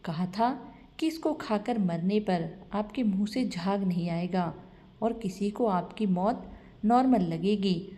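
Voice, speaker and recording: A scared, scheming young daughter-in-law, as a woman storyteller puts her on, begging and anxious. She speaks slowly in a soft, mellow voice. This is a storybook reading. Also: medium pitch, natural voice. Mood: pleading. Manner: fearful, pleading.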